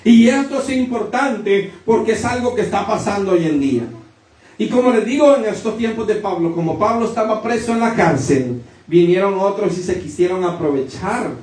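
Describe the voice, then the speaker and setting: Male preacher, high-pitched, storytelling sermon style, distant mic in a roomy church. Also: expressive, moderate pace, a little mellow. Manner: storytelling, with rising emphatic declarations. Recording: echoey room from a distant mic.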